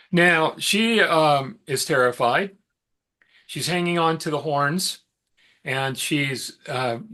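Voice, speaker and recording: A man's voice: fairly high pitch, a bit bright. Chatty man telling myths in a lecture. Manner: conversational, with fillers and asides. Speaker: mythology teacher. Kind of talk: informal lecture storytelling.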